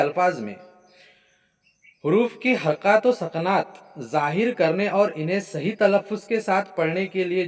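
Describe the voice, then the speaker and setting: A man teaching an exam-prep grammar lesson. He repeats key points, keeps checking in with "ठीक है" and answers his own questions. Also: fairly high pitch. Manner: repetitive, drilling with frequent "ठीक है" checks; asks a question then answers it himself.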